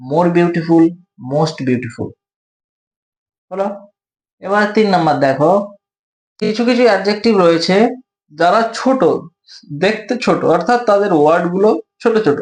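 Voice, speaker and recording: A man's voice: fairly high pitch, roomy sound, poor audio. A man with a Bengali accent explaining English grammar, patient and repetitive, asking and answering his own questions. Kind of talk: explanatory lesson.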